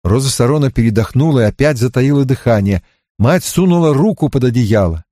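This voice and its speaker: A man narrating a novel as an audiobook in an expressive, measured reading. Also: medium pitch, no echo, clean studio sound.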